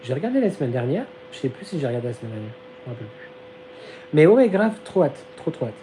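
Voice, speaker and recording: A man with a medium-pitched voice talks fast and very animatedly while reading chat on his live stream, giggling and using slang though his voice is going. He records on a phone against a noisy background, a fan humming behind it.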